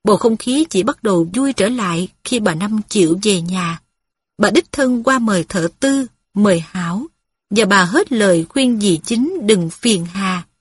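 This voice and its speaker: A woman narrating a story in a calm, measured way. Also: medium pitch, slightly rough, dry recording, clean studio sound.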